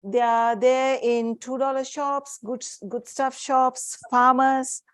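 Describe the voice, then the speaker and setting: A woman's voice: sits high, flat delivery, slow, no echo. A woman psychiatrist with an Indian accent, giving a practical workshop to parents and showing objects as she explains. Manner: warm, practical, demonstrating objects. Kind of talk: live workshop talk to room and Zoom.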